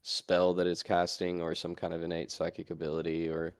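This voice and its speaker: A low-pitched man speaks as a player at a tabletop game. The sound is dry and close. He talks his ideas through in a thoughtful, searching way. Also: monotone, brisk, darkish tone, no echo. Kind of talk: casual tabletop play.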